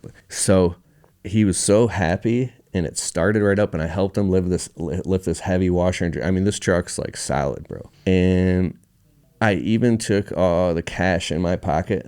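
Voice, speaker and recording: A man with a very deep, dark and mellow voice speaks as a podcast guest. His storytelling is casual and candid, emotional and sprinkled with slang like "bro" and "dude".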